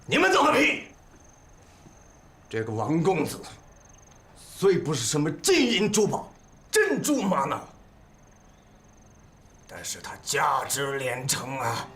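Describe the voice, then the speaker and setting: A man's voice: on the high side, wildly swooping pitch, slow, long pauses, exaggerated voice. An actor playing a melodramatic male steward of a noble house who curses freely and wails theatrically, in a costume comedy TV drama. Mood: angry. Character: shrill, foul-mouthed, melodramatic male steward. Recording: echoey set with loud score.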